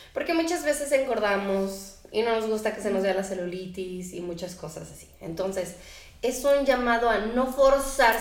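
A woman with a Mexican accent hosting a casual chat, blunt and joking, swearing freely. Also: medium pitch. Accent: Mexican Spanish. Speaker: host. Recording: echoey room.

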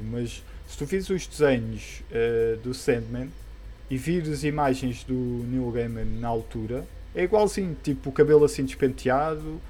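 This man's voice sits a little high with a darkish tone. He speaks with a European Portuguese accent, rambling hesitantly and colloquially about comic books in a casual chat, with music playing beneath him.

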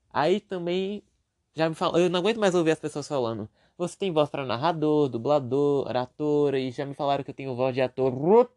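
Rambling young Brazilian podcast host. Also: male voice, fairly high pitch, a little mellow. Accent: Brazilian Portuguese. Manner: rambling, self-deprecating, jokey asides. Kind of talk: casual solo podcast monologue.

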